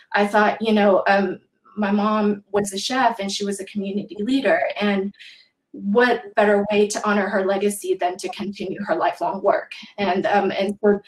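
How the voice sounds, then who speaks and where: A woman from Taiwan, in her thirties or forties, speaking as a guest on a panel. She talks hesitantly and fills pauses with many ums. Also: mid-range voice, echoey room, low-quality recording. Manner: hesitant, many filler words. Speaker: panel guest, social practice artist. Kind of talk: casual panel talk.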